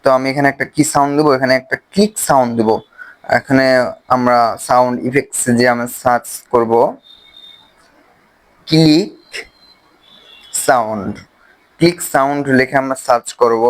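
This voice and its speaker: A man with a Bangladeshi Bengali accent, casually explaining a phone video-editing app step by step, with pauses as he clicks. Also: mid-range voice, steady tone. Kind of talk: screen-recorded software tutorial.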